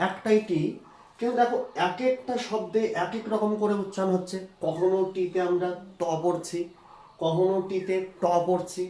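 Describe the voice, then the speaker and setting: A man's voice: high-pitched, a little mellow, a little hiss or hum. A man teaching English pronunciation, patiently asking questions and answering them himself while explaining rules to students. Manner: patient, repeats points, asks and answers own questions. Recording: echoey room.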